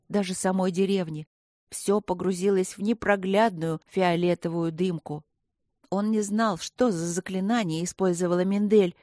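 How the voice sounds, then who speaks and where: A woman narrating a fantasy story in an expressive storytelling manner. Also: on the low side, no room sound, clean studio sound.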